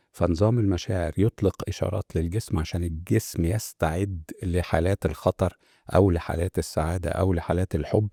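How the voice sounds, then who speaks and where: A man with an Egyptian accent hosts a casual self-help talk, rushing along at a very fast clip. His low, dark voice carries a gravelly fry. He restarts words often and speaks to his audience directly. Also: no room sound, clean studio sound. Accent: Egyptian Arabic. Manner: conversational, many fillers and restarts, addresses viewers directly. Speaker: host.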